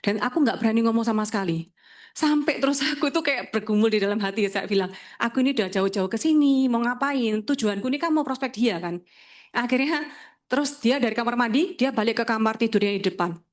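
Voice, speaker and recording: A woman tells her own story as an insurance agent. She is a lively storyteller who acts out both sides of each conversation. Her voice sits a little higher than most women's. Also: a little fast. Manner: lively storyteller acting out dialogue. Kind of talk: motivational storytelling talk.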